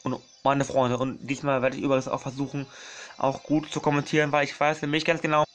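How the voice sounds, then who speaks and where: A man's voice: medium pitch, monotone, fairly quick, fairly bright tone. A man doing casual let's play commentary, rambling and apologizing often, repeating his words and calling his viewers his friends.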